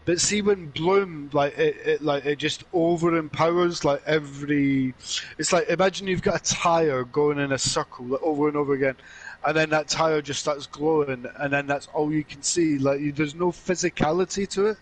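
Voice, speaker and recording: A man with a soft Glaswegian accent, rambling and repeating himself as a guest in a casual, sweary livestream chat. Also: on the high side, fairly even intonation, moderate pace, low-quality recording. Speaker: guest caller.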